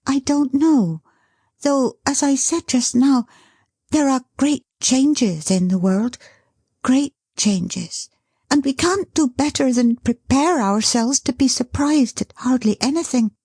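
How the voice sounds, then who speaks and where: A woman reader voices a high, fluttering young wife who talks fast and breathlessly when news arrives, flustered, rushed and high-strung. The voice swoops up and down, sing-song and mellow, with a husky, breathy edge and heavy acting. It sounds close and dry, like a storybook reading, with no room sound.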